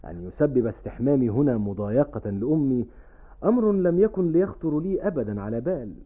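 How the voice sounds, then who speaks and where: An eager, boyish young man, played by an actor in an old radio drama. His voice leaps around with lively pitch and a faint husk. The recording is thin and tinny, like an old broadcast tape. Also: brisk, close to an everyday voice. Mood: chatty. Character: excitable young man, the son Michel.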